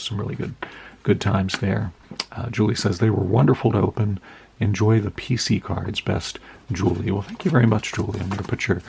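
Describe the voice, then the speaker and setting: A middle-aged American man with a cold opens card packages in the mail for his collecting channel, chatting casually in a friendly, rambling way full of "uh" fillers. His hoarse voice is raspy and gravelly, on the low side and a little mellow, with a slight hiss or hum in the audio.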